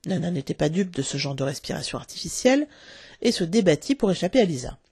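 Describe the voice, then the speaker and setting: Husky, gravelly woman reading a story aloud. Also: on the low side, quick pace, no echo, studio quality. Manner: expressive storytelling, acting out the characters. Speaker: narrator.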